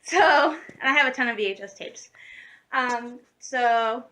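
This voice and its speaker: Bright high-voiced chatty young woman. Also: measured pace. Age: late 20s. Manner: chatty, giggly, rambling with many fillers. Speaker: vlogger. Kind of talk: casual chat to camera. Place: her room at home.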